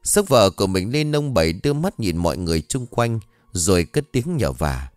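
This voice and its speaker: A male storyteller reads a scripted ghost story in a lowish voice whose pitch swings lively and expressively. The sound is close and dry, with faint music underneath. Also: normal speed, no echo.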